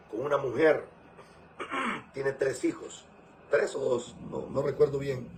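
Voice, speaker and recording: A man's voice: medium pitch, slight background noise, low-quality recording. A man preaching a sermon as a pastor, emphatic and scolding. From Venezuela.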